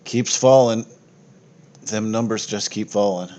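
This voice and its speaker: On an online voice call, a man with a fairly low, evenly intoned voice acts as game master, narrating a tabletop game at an unhurried pace. His talk is casual and peppered with swearing, and the home voice-chat recording is noisy.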